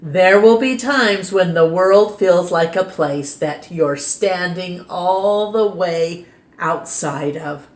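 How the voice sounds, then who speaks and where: A woman reading a picture book aloud at storytime in a gentle, expressive way. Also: lowish voice, slow. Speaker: storytime reader. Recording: roomy echo.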